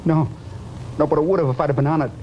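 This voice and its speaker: A man's voice: fairly high pitch, steady tone, very fast, natural voice. An actor playing a haunted, guilt-ridden man confessing his fear of death, intense and brooding in the manner of 1950s television drama. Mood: haunted dread. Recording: muffled, noisy old television soundtrack.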